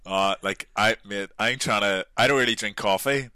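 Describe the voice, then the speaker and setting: A deep-voiced Northern Irish man. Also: moderate pace, sharp tone, no echo. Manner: chatty, peppered with "like" and "mate". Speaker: guest. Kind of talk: casual podcast chat.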